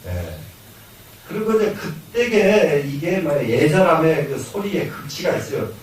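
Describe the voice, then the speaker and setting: In a fairly high, sing-song voice, a little slow, an older monk with a Jeolla Korean accent delivers a classroom lecture. Key lines get repeated, questions are asked and self-answered, and a chuckle slips out here and there. The distant mic catches the echo of the hall.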